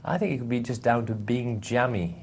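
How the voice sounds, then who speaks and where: A mid-pitched man adding eager, earnest remarks to live poker commentary. He plays along with his partner's jokes. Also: brisk, a little mellow, a little hiss or hum.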